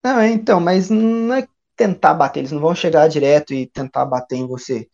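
A man from Brazil, chatting casually as a guest, with a relaxed, rambling way of telling stories. The recording sounds dull and lo-fi. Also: fairly high pitch, quick pace, creaky. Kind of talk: casual chat.

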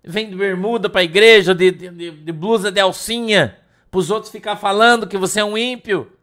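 A pastor from Brazil preaching an informal sermon, blunt and scolding, full of slang. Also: male voice, high-pitched, steady tone, moderate pace, a bit bright. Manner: blunt, scolding, slangy, mimics whiny congregants.

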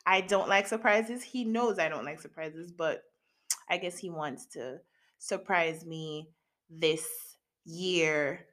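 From her home in Japan, a podcast host in her late twenties talks on her own in a relaxed, open, playful way, with lots of laughter. Her pitch is fairly low and a bit bright, and her pace is slow.

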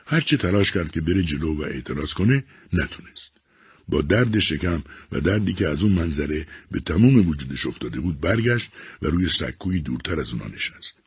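A man narrating a novel as an audiobook, expressive and acting out each character. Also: a bass voice, slightly rough, dry recording. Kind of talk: scripted storytelling narration.

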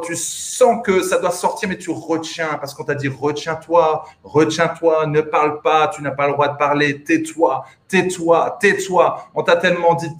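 Un homme coach de vie donnant un discours de motivation, répétant ses phrases avec insistance. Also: male voice, fairly high pitch, echoey room. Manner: repetitive, insistent, emphatic. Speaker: life coach. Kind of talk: motivational talk.

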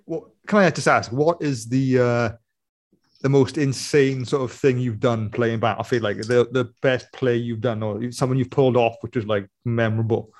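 A man's voice: medium pitch, fairly even intonation, moderate pace, a little mellow. Welsh man, casual podcast co-host. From Wales. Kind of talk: casual chat.

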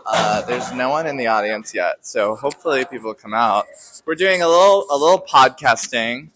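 Male interviewer for a casual vlog; playful, swooping intonation, sharp bright tone. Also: mid-range voice, expressive, moderate pace, a little hiss or hum. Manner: playful, echoes guests' answers. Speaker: podcast host and interviewer.

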